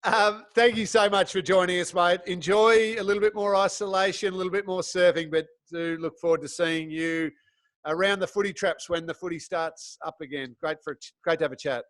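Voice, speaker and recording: Australian man, podcast host, cheeky and teasing, slightly higher voice. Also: fairly even intonation, brisk, a bit bright, no room sound. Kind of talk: casual podcast chat.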